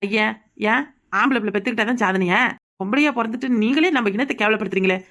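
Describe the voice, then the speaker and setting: A woman voicing a sharp-tongued young village woman in a cartoon comedy, sarcastic and irreverent, with a Kanyakumari Tamil accent. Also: on the high side, quick pace, natural voice. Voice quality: sarcastic, mouthy.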